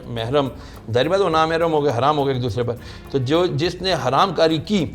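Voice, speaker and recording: A middle-aged man, a religious scholar with a Pakistani Urdu accent, tells a long story and acts out the people in it. His voice is gravelly with a lot of creak, at a medium pitch. Soft music plays behind him. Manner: narrates at length, acting out the people in his stories.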